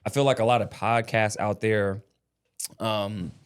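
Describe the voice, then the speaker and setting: A man's voice: fairly low pitch, steady tone, measured pace, clean tone. A young man hosting a casual podcast, talking loosely with slang and swearing. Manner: loose, swearing, talks with his hands. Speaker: podcast host.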